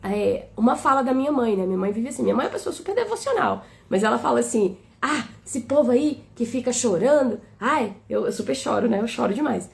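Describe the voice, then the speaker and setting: A woman's voice: a little high, lively intonation, fast talker, creaky, hardly any pauses. A woman with a Brazilian Portuguese accent giving a tender, flowing spiritual talk on a live stream, often asking "né?".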